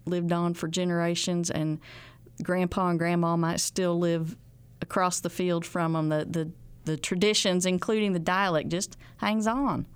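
Woman, Ozark accent, folksy storyteller, slightly low, clear resonant voice. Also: level tone, measured pace. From Ozarks, Arkansas. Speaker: outreach coordinator, folklorist. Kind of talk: storytelling interview.

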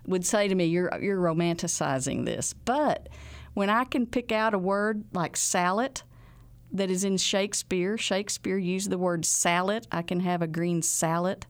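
A woman's voice: medium pitch, unhurried. Folksy Ozark-accented woman. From Ozarks, Arkansas. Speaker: outreach coordinator, folklorist. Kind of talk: storytelling interview.

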